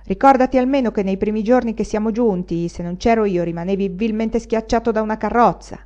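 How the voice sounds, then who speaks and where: Woman voicing cynical young man, sneering, jeering, mellow dull sound. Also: mid-range voice, a little fast, natural voice. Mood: mocking. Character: cynical young male student, mocking.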